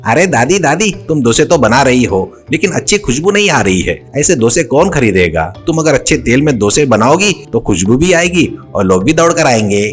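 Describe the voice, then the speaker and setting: A man's voice: medium pitch, big pitch swings, normal speed, few pauses, soft background music, voice pushed up, natural voice. A man voicing a sly, bossy male trickster monkey in a cartoon story. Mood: coaxing.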